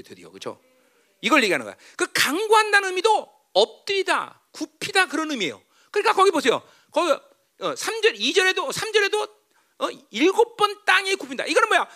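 Animated preacher with a bright voice. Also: male voice, very high-pitched. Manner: swings from soft asides to loud, tearful preaching; keeps asking the listeners "right?". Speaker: pastor. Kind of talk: sermon with banter to the congregation.

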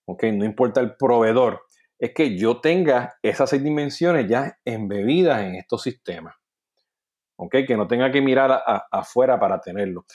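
A man talks through a topic in a teaching manner. His pitch sits in the middle of the usual range, and he keeps checking in with "ok?" and "no?" as he goes. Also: animated, moderate pace, a little mellow. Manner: peppers sentences with "¿ok?" and "¿no?", restarts words. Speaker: data quality speaker. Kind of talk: explanatory talk.

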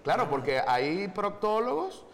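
A man's voice: sits high, very animated, unhurried, fairly bright tone, in a large hall. A man from Venezuela with a Venezuelan accent, a guest explaining and telling stories in a casual podcast chat.

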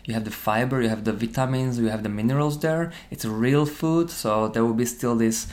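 A man from Slovakia recounts his path into fitness in English, his second language. He speaks at an ordinary mid pitch. His phrasing is non-native and thoughtful, full of fillers. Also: fairly quick, darkish tone. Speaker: personal trainer. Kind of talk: interview storytelling.

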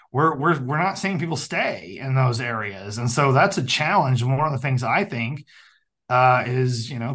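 A man with an Ozark accent talking casually as an interviewer, in a halting, self-interrupting way. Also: medium pitch, a bit bright. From Southwest Missouri Ozarks, USA.

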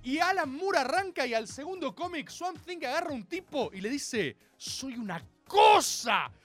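A man with an Argentine accent giving a passionate monologue that builds to shouting, full of slang. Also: very high-pitched, animated, normal speed, soft background music. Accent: Argentine Spanish. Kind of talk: passionate comic-book monologue.

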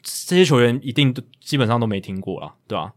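Brisk Taiwanese man hosting, walks through numbers in casual chat. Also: mid-range voice, lively intonation. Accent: Taiwanese Mandarin. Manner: reads out stats, explains, with asides. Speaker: podcast host.

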